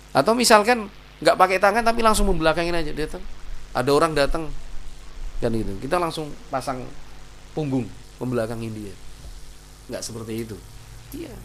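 A man giving a casual religious lecture, chatting with the audience through rhetorical questions and acting out quoted people in sudden loud, high outbursts. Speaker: Islamic preacher.

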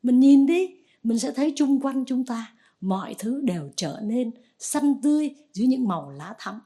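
A Buddhist nun giving a conversational Dharma talk, telling stories and gently exhorting. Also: female voice, on the high side, expressive, normal speed, slightly rough.

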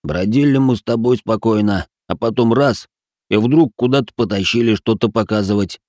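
A man's voice: on the low side, normal speed, darkish tone, no echo, clean studio sound, natural voice. A man voicing a sheepish, apologetic old wizard who teaches magic, in an audiobook reading. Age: older. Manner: apologetic, sighing.

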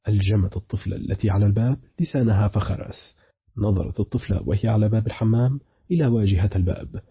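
Husky low-voiced man narrating a horror audiobook at speed, dull dry recording. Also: no echo. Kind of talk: scripted narration of a horror novel.

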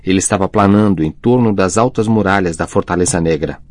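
A male audiobook narrator reads in a steady, measured way. His voice sits very low, and the close studio recording is dry with no room sound. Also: dry recording. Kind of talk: scripted narration.

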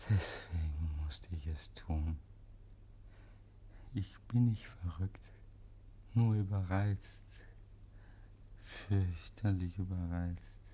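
In a noisy 1950s German radio drama recording, a male actor with a deep, mellow voice plays a deranged murderer consumed by guilt. His tone stays steady as he speaks haltingly and repeats himself, haunted and insistent, slipping into breathless whispers and shrieks.

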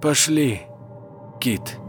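A man's voice: mid-range voice, expressive, extremely slow, voice pushed up. A man voicing a gaunt, masked vagrant whose muffled, hollow voice sounds as if it comes from down a well, over music. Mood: muffled, terse. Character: gaunt masked male vagrant, withdrawn and wary. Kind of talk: audiobook narration with character voices.

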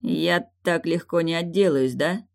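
A woman's voice: lowish voice, measured pace, gravelly, a little mellow. A woman voicing a wary young prince who tries to placate his wife in an audiobook. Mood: sheepish. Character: young prince, sheepish henpecked husband.

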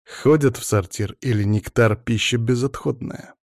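A man narrates an audiobook with even, measured storytelling. His voice is medium in pitch, and the recording is studio quality with no room sound.

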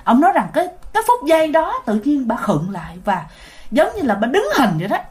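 With a high-pitched voice and a fairly quick pace, a woman with a Southern Vietnamese accent narrates a ghost story, animated and casual, speaking directly to her listeners.

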